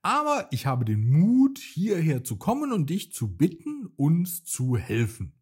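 A man doing a high, earnest little knight. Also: wildly swooping pitch, measured pace, darkish tone, slightly rough, heavily acted. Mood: pleading. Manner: pleading, breathless. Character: brave small boy knight, earnest.

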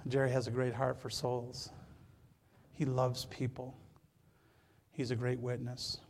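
This man, a pastor from Michigan, preaches with a medium-pitched, monotone voice that is creaky and darkish, at a measured pace, with slight background noise. His manner is conversational, with jokes for the congregation and frequent word repetition at the start of phrases.

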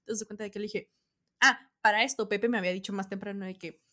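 A woman's voice: medium pitch, fast. A young adult woman with a Mexican accent telling a casual storytime, full of slang and acting out what people said. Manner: animated, slangy, acts out quotes. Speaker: vlogger.

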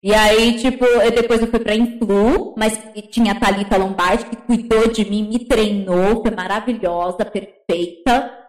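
A young woman telling a personal story in casual chat, animated, acting out other people's words. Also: mid-range voice, measured pace, roomy sound, rough recording. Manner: animated, acts out quoted voices. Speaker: guest.

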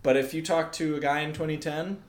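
Wry, sarcastic man with a slightly high voice. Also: steady tone, a little fast. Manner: wry, sarcastic, mock-lecturing. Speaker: podcast co-host. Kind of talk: casual comedic movie chat. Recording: roomy echo.

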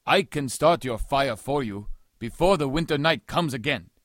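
A man's voice: mid-range voice, lively intonation, normal speed, fairly bright tone, no echo, clean studio sound, close to an everyday voice. An actor playing a stern, proud pirate who speaks stiff, formal English that is not his first language. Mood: scornful. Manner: stiff, formal, non-native English phrasing. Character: proud Somali male pirate, stern and scornful. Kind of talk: audio drama acting.

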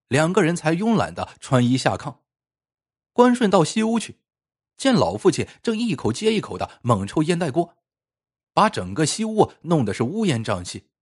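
Husky lively male storyteller. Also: on the high side. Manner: lively storytelling, plainly voicing characters' speech. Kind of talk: scripted story narration.

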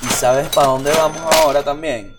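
A man's voice: mid-range voice, normal speed, heavy background noise. Slangy Venezuelan man joking around. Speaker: podcast co-host. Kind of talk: casual chat.

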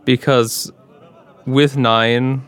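A man's voice: medium pitch, flat delivery, extremely slow, fairly bright tone, clean tone. An American man from near Cleveland, a singer answering interview questions in a direct, earnest, explanatory way. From near Cleveland, United States. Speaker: professional singer, interview guest.

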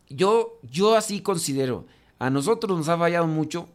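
Mexican priest guy teaching, chatty, bouncy up-and-down voice, teasing scolds. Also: on the high side. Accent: Mexican Spanish. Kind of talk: informal class answering questions.

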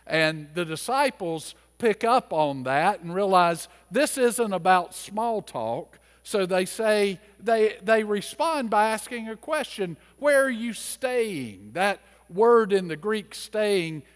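A slow, deliberate male pastor with a slightly higher than usual voice reads scripture and preaches. His words ring out with a long reverb, as in a church sanctuary. He lingers over each phrase. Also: expressive. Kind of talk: scripture reading and sermon.

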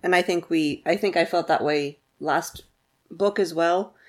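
A woman's voice: lowish voice, a little slow. A woman co-hosting a book podcast, chatting casually, laughing often, and reading a blurb aloud.

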